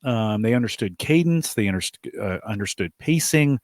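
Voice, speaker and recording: A man's voice: on the low side, lively intonation, moderate pace, no echo, studio quality. A man co-hosting a casual podcast chat, talking thoughtfully and often restarting his sentences. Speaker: co-host.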